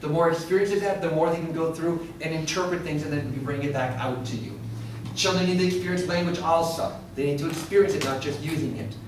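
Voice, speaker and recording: A middle-aged man presents a workshop lecture, often turning to the audience with questions. His voice sits a little on the high side. He is recorded from a distance in a very echoey room, with a faint hiss behind him. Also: quick pace, few pauses. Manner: interactive, asks the room questions.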